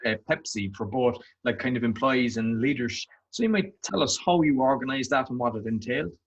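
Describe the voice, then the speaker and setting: A man hosting a podcast interview in a relaxed, unscripted way, giving short reactions between his questions. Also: mid-range voice, brisk, breathy edge, highs cut off. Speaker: podcast host.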